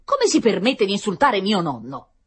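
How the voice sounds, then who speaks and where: A woman voicing a pompous gentleman in a storybook, protesting loudly about his family's honour. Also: medium pitch, sing-song, moderate pace, crowd noise, voice pushed up, close to an everyday voice. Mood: indignant. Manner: pompous, blustering.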